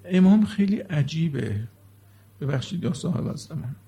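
Husky, gravelly-voiced male preacher. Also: a little high, animated, mellow. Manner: emotional, shifting from earnest explanation to mournful lament. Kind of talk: religious sermon to a seated congregation.

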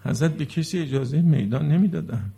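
A middle-aged male preacher delivers a religious sermon with a deeply husky, worn voice. His tone is dark and mellow, his pitch sits somewhat high, and his emotional delivery moves from earnest teaching into sorrowful lament. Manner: emotional, shifting from earnest explanation to mournful lament. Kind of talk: religious sermon to a seated congregation.

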